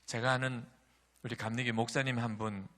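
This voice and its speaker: A man's voice: mid-range voice, little pitch movement, moderate pace, bright, forceful tone. A man preaching a sermon as pastor, impassioned and rising in intensity as he acts out prayers and questions. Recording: long hall reverb.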